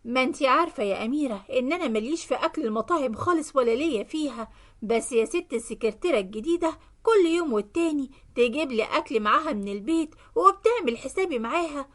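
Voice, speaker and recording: A woman plays a trusting middle-aged Egyptian company owner in a spoken story, slow and soothing. The voice sits high for a man. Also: expressive, a bit bright. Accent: Egyptian Arabic. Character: kindly, gullible middle-aged male company boss.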